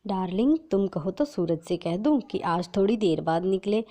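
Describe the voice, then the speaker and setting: A woman's voice: medium pitch, lively intonation, normal speed, warm tone, close to an everyday voice. A woman voicing a coaxing young male lover. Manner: coaxing, romantic. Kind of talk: storybook narration.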